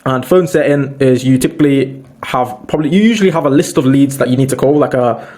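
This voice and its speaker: In a casual online training talk, a sales coach speaks quickly in a medium-pitched, slightly mellow voice. He calls his listeners "boys" and keeps restarting his sentences.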